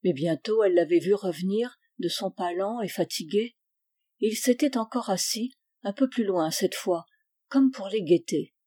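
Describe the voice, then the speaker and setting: A woman reads a nineteenth-century short story in a steady, measured audiobook style. Her voice is mellow and low in brightness. The pitch sits in an ordinary middle range. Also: slightly rough. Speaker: reader. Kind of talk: literary audiobook narration.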